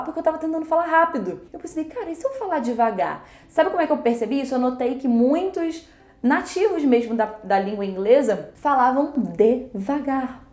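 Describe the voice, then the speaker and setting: Woman teacher chatting fast, kinda high voice, roomy echo. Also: darkish tone. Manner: chatty, fast-talking, switches into English examples. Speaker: English teacher. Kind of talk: casual video lesson.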